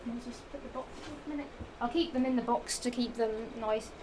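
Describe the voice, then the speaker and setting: A young woman from England, with a Norfolk accent, does a chatty vlog show-and-tell of her shoes in a noisy home recording. Her voice is a little high and fairly quick, with fairly even intonation, and slightly strained from the heat. She rambles and repeats herself, giggling, with plenty of fillers and restarts.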